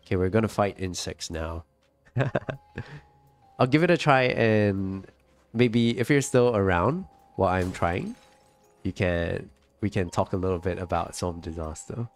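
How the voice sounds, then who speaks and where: A sick man with a stuffy, nasal voice and a cough chats casually on a live stream while gaming, reading viewer comments aloud. He speaks unhurriedly in a low voice, with soft music playing in the background.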